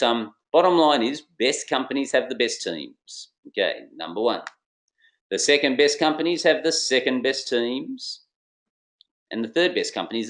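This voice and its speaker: A middle-aged man, a business consultant, telling a case story to an audience in a theatrical way and acting out the dialogue. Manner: lively, theatrical, acts out dialogue with swinging pitch. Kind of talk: animated storytelling presentation to an audience.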